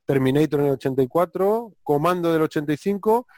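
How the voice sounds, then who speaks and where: A man from hosting a casual podcast chat about movies, excitable and full of slang. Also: on the high side, a little fast, no echo, clean studio sound. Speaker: podcast host.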